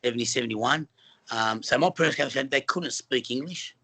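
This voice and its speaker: Speaking briskly in a casual interview, a middle-aged film actor from Western Sydney, Australia, comes across earnest and rambling, with many fillers and restarts. His mid-range voice sounds pushed and bright.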